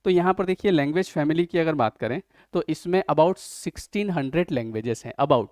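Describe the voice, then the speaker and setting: Indian male tutor, fairly high voice, dry close mic, explains step by step and checks students follow. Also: animated, moderate pace, a little mellow, no echo. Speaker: teacher. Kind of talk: online exam-prep lesson.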